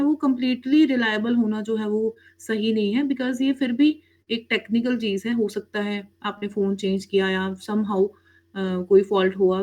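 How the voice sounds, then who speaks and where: A woman's voice: medium pitch, darkish tone. A woman teaching an online Korean language class, who mixes in English words and keeps checking with her students. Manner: addresses students as "beta", frequent "theek hai?" checks.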